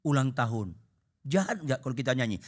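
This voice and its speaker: A man preaching to a congregation, animated and humorous, acting out conversations and swinging between shouts and half voice. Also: medium pitch, a little fast. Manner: animated, acts out dialogues, shouts and drops to half voice. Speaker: pastor. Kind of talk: humorous sermon. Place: church hall before a congregation.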